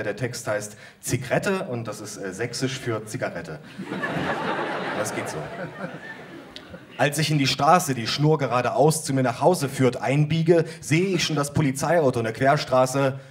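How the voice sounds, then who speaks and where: Man performing a deadpan comic story. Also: mid-range voice. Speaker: poetry slam performer. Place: stage at a poetry slam.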